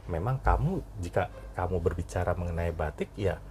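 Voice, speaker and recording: A middle-aged man, a batik designer, talking casually as a podcast guest, relaxed and given to lively, laughing anecdotes. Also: sits low, moderate pace. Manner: relaxed storyteller who gets animated and laughs while telling anecdotes.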